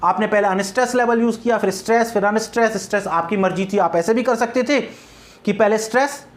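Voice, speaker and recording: A woman's voice: mid-range voice, quick pace. A woman teaching an exam-prep lesson on poetry, repeating rhetorical questions and mixing English terms into her explanation. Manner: repetitive, asks rhetorical questions, frequent "ठीक है ना?"; drills patterns by counting out stress beats.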